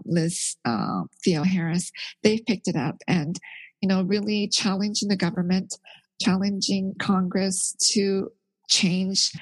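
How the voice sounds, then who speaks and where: Middle-aged woman author born in korea grew up in canada, low husky voice, dry sound, earnest and thoughtful. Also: dry recording, poor audio. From born in Korea, raised in Canada. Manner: thoughtful, earnest, many fillers. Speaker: author, theologian guest. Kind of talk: interview conversation.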